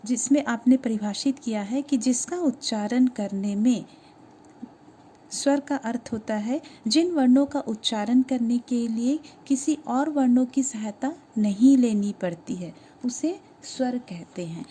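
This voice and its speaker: A woman teaching a grammar lesson to schoolchildren, explaining step by step and asking questions that she then answers herself, slowing down to sound out each letter. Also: on the high side, warm tone, slightly rough.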